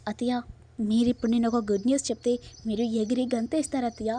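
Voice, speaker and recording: A woman's voice: on the high side, steady tone, fast talker, warm tone, close to an everyday voice. A woman reading an eager young daughter-in-law. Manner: plain read-out lines, hardly acted.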